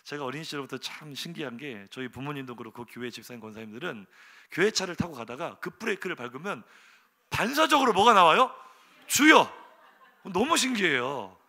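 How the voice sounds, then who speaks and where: A pastor in middle age, his voice a little high and fast, delivers a lively sermon story inside a church sanctuary. Abrupt loud exclamations and rhetorical questions to the congregation punctuate his telling.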